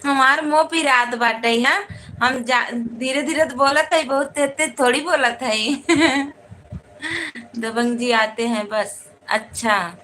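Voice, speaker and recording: A woman's voice: high voice, slow, bright, forceful tone, poor audio. A woman, chatting casually on a phone live stream, greeting viewers by name and asking for their support. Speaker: live-stream host and folk singer. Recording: faint background noise.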